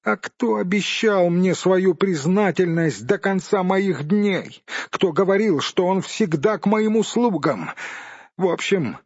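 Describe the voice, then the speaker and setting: A man voicing a timid, hurt male hobbit with a squeaky, plaintive voice. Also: animated, slow, husky, exaggerated voice. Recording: dull dry recording.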